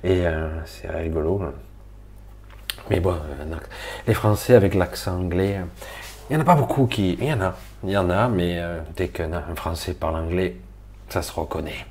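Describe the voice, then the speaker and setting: A man's voice: deep voice, normal speed, a little mellow. A middle-aged man from Marseille, rambling casually and colloquially to viewers of his spiritual live stream. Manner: rambling, colloquial, swears, talks to viewers directly.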